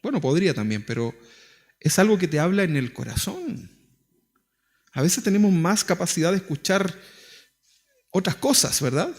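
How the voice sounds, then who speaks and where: A man's voice: high-pitched, sing-song, normal speed, long pauses. A man with a Chilean Spanish accent preaching a sermon as pastor, talking conversationally with many rhetorical questions. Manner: acts out quoted prayers.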